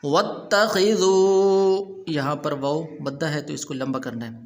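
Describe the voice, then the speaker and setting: A man with a Pakistani Urdu accent teaching tajweed, chanting verses slowly and then explaining the rules in quick plain speech. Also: medium pitch, fairly even intonation, gravelly. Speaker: Quran recitation teacher. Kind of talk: Quran tajweed lesson.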